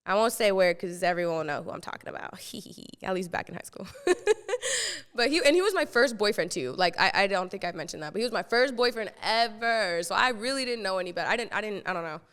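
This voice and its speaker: This young Bay Area podcast host speaks quickly and expressively in a mid-range voice that's a bit bright, clear and resonant, as though in a large hall. She tells casual stories from her life, chatty, slangy and full of fillers.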